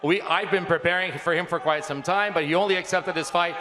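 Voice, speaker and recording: A man's voice: fairly high pitch, fairly even intonation, fairly quick, bright, forceful tone. A man working as an interpreter at a press conference, emphatic and repeating phrases. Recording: echoey hall with background noise.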